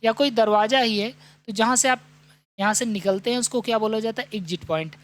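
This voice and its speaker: Male tutor for a vocabulary class, fairly high voice, reads English definitions slowly, then quizzes and answers himself. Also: fairly bright tone. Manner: keeps asking and answering rhetorical questions. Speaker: vocabulary teacher. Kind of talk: exam-prep vocabulary lesson.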